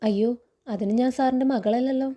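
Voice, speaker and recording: A woman voicing an earnest, gentle young woman who pleads softly, quoted in a story recap. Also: fairly high pitch, fairly even intonation, a little fast, lightly acted. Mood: earnest, pleading.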